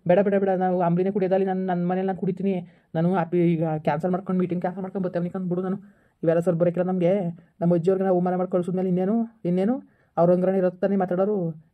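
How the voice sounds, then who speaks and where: A man in a scripted family drama, angrily and insistently scolding his wife over a phone call. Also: sits high. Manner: angry, insistent, repetitive scolding. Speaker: husband in a family skit.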